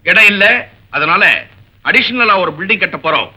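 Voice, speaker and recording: A man's voice: sits high, expressive, normal speed, pushed and bright, slightly rough, full character voice, low-quality recording. An actor playing a stern middle-aged male college principal in a Tamil film, speaking with a Tamil accent and a commanding manner. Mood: announcing.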